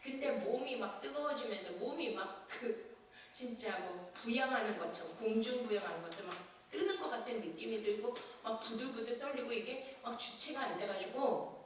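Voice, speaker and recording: A woman pastor preaching a sermon, telling a personal testimony with lively acted-out scenes and frequent laughter. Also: a little high, moderate pace, a little hiss or hum. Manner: animated testimony storytelling, acting out scenes, laughing often. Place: church sanctuary. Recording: echoey church from far off.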